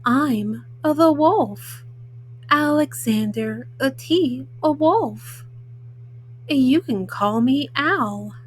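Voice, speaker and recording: A woman voicing a folksy, self-justifying male wolf in a storybook, haltingly, with frequent uhs. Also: sits high, expressive, husky, heavily acted. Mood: self-justifying, matter-of-fact. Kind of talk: storybook read-aloud in first person.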